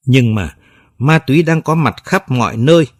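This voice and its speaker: A man voicing a grieving mother who speaks softly and tearfully. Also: mid-range voice, lively intonation, moderate pace, no echo, studio quality, close to an everyday voice. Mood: sorrowful. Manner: tearful, pleading, soft. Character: grieving mother, gentle but firm.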